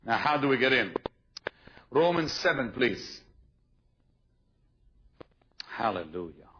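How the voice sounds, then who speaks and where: A man's voice: mid-range voice, sing-song, slow pace, sharp tone. A man preaching a sermon, driving his points home by repeating them and calling out to the congregation. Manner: emphatic, repeats key points, asks the congregation to respond. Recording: dull, noisy live sermon recording.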